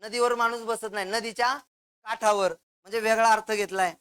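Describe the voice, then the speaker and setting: Clear-voiced man quizzing a grammar class. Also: high voice, fairly even intonation, fairly bright tone. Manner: quizzes the class with quick questions and answers them himself; explains step by step with examples. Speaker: teacher.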